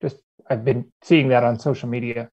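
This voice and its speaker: A man's voice: medium pitch, steady tone, normal speed, darkish tone, husky. Man giving an informal update, dull audio. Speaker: committee member. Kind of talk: informal meeting report.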